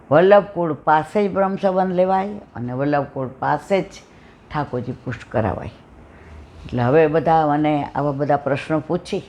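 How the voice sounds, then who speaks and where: An older woman leads a devotional satsang in an earnest, conversational way. She often turns questions to her listeners. Her voice has a gravelly edge. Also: sits low, a little mellow. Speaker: satsang speaker. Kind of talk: devotional talk with personal storytelling.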